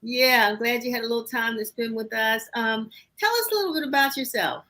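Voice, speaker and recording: A woman's voice: on the high side, a little fast, sharp tone, rough recording. A woman hosting a casual interview show over a video call, upbeat and rambling with many restarts, sniffling a little. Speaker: host.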